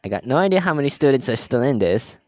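Chatty man with a lively voice. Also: medium pitch, fast, no room sound, clean studio sound. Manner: chatty, reacts aloud and laughs often. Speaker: game streamer. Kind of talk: casual game playthrough commentary.

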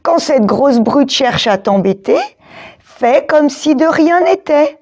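A woman voicing a calm, reassuring young dinosaur friend in a storybook. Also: high-pitched, slow pace, pitched above the performer's own voice.

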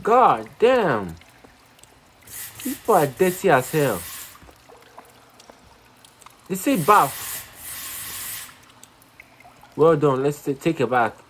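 A man giving casual, excitable commentary while playing a game, thinking aloud, swearing and using slang like "fam". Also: a little high, very slow, long pauses, slightly rough, poor audio. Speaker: gamer playing a horror game.

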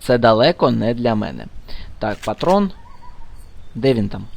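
A man's voice: mid-range voice, expressive, measured pace, vocal fry, darkish tone, a little hiss or hum. Chatty man muttering through a game. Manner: chatty, mutters to himself, scolds game characters. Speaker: let's play gamer. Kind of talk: casual game commentary.

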